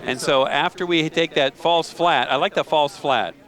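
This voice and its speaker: A man's voice: on the high side, normal speed, a bit bright. Chatty, joking male TV host. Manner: chatty, joking, asks leading questions. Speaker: broadcast host. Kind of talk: live broadcast chat. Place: outdoors at a race event.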